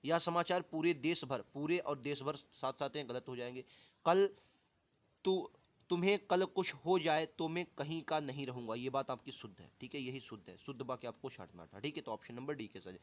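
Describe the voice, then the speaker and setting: A man's voice: mid-range voice, a little fast. Man teaching grammar answers on dull audio. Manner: reads each option aloud, then corrects it with repeated checks. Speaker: exam coaching teacher. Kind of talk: explaining Hindi grammar questions.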